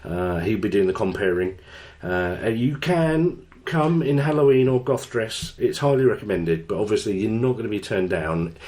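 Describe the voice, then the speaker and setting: A man's voice: on the low side, expressive, normal speed, hardly any pauses, darkish tone. A man hosting a radio show, chatting casually and joking at his own expense. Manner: chatty, self-deprecating. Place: radio studio.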